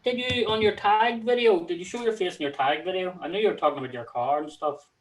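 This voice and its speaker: A man's voice: high voice, fast talker, rough recording. A man co-hosting a casual livestream in an easygoing, teasing way, welcoming viewers. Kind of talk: casual live chat.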